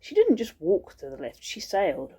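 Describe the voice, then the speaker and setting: A woman teacher reading a storybook aloud to children, expressive and pausing to show the pictures. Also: medium pitch, breathy edge.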